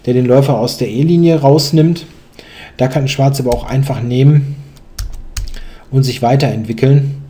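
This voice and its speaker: A man's voice: mid-range voice, warm tone. A young man commentating a chess game, explaining moves thoughtfully with many hesitant fillers.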